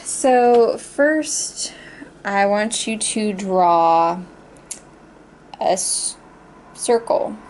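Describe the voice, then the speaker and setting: Woman, halting and very unhurried, casual pictionary-style guessing game instructions, faint room noise behind. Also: mid-range voice, lively intonation, a little mellow, poor audio. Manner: halting, pauses to search for words. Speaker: player in a drawing guessing game.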